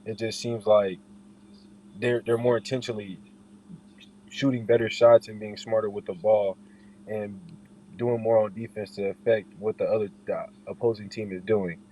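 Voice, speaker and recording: Casting: young man, relaxed and lowish voice, player giving informal interview answers, faint ambient noise behind him. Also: normal speed, rough recording. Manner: informal, repeats and rephrases points. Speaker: basketball player being interviewed. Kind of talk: casual interview chat.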